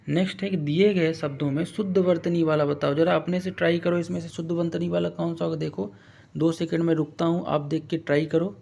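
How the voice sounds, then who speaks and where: A man runs a casual exam-prep lesson, often asking his viewers questions and drawing words out slowly to spell them. His voice sits a bit high and has a gravelly edge. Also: fairly even intonation, darkish tone. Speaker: online exam-prep teacher.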